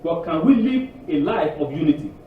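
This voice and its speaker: A man's voice: fairly high pitch, sing-song, moderate pace, a little hiss or hum. A man preaching a sermon to a congregation, emphatic and repetitive, often restarting his words. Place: congregation hall. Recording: echoey hall from far off, dull.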